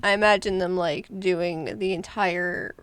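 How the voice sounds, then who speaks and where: A woman's voice: lowish voice, steady tone, measured pace, clean tone, dry recording. A woman with a Southern accent, co-hosting a podcast in giggly, swear-filled casual chat. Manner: giggly, swears freely, rambling. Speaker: podcast co-host.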